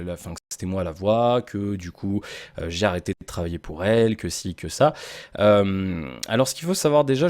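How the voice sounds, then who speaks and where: A man who works as a voice-over artist, explaining himself to his viewers in a casual vlog, halting and restarting often, with wry asides. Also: medium pitch, a little mellow, no echo, studio quality. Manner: direct address to viewers.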